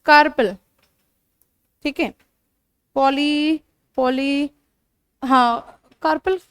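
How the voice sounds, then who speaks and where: A woman's voice: high voice, fairly even intonation, drawn-out words, fairly bright tone, no echo. A young woman teaching biology in a coaching class, explaining terms with frequent check-ins, repeating herself and correcting her own slips. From India. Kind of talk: classroom lecture mixing Hindi and English terms.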